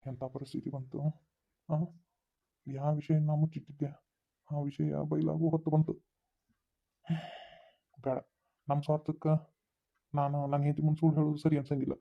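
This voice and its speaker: A man playing a sad village father in a cartoon, with a North Karnataka accent, speaking slowly. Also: fairly high pitch, vocal fry. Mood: sorrowful. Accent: North Karnataka Kannada. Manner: slow, flat and sorrowful. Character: middle-aged village father, sad and confessing. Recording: tinny phone-like sound.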